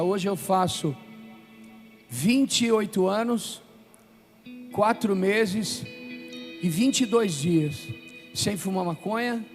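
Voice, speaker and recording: In a large, reverberant hall at a live preaching event, a high-voiced Brazilian man in his fifties preaches emphatically and declaims with deliberate pauses. His sermon includes forceful scripture reading and call-and-response, with music underneath and long reverb.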